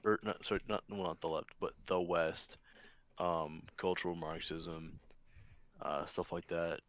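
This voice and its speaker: A man's voice: low voice, steady tone, a little slow, a bit bright. A man from Michigan, a guest in a casual discussion, talking hesitantly with many restarts.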